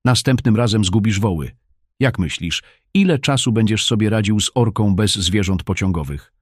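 Brief: man doing an irate, scornful older father, raised deep voice, dry storybook read. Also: moderate pace, no room sound, close to an everyday voice. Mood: angry scornful. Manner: scornful, shouting.

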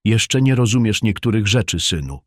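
A man voicing Saul, a weary grown son and farmer who speaks calmly and mutters. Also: on the low side, moderate pace, dry recording, clean studio sound.

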